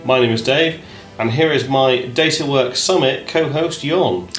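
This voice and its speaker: A man hosting a casual podcast chat in a hotel room. He talks in a measured way, often says "indeed", and is recorded on low-quality audio. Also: a bit bright, echoey room, soft background music. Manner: measured, fond of saying "indeed", many "uh" and "um". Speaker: podcast host.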